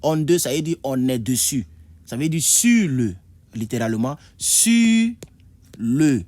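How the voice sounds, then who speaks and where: A man teaching English idioms in a video lesson, repeating words and jumping high to act out phrases. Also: normal speed, darkish tone, no echo. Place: indoor room with a board.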